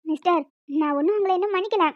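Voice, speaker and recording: A woman voicing a shy but feisty young newlywed wife in an animated short, scolding and pleading with her husband. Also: very high-pitched, fast, no room sound, highs cut off. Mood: flustered scolding. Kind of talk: cartoon voice acting.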